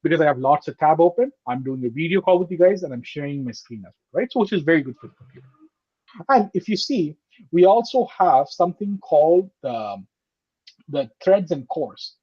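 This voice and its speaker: Guy teaching a computer class over a video call, kinda dull laptop audio, slightly husky, keeps going "okay?". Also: a little high, animated, brisk, dark tone. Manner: explains step by step, often checking in with "okay?" and "right?". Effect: heard over a video call. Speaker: computer course instructor. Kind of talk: live online class lecture. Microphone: laptop or headset mic on a video call.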